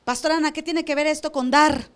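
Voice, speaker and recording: A woman's voice: sits high, steady tone, brisk. A woman pastor preaching a sermon to a church, asking the room rhetorical questions and acting out church members. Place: church service.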